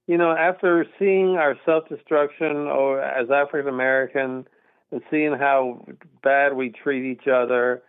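The caller is a middle-aged Texan with a clean, medium-pitched voice, fairly even intonation, and a measured pace. He rambles earnestly and emphatically during a call-in radio conversation, coming through a tinny, dry telephone line.

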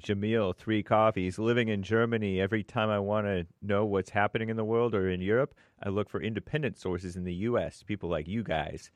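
A man's voice: on the low side, steady tone, a little fast, hardly any pauses, dry recording. A man co-hosting a show, reading viewer messages aloud in a plain, matter-of-fact way with small asides.

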